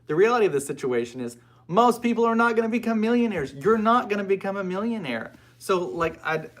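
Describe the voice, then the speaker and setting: With a high, expressive voice and a brisk pace, an American livestream host chats casually, reading and answering comments from viewers. He rambles freely, dropping in aside after aside.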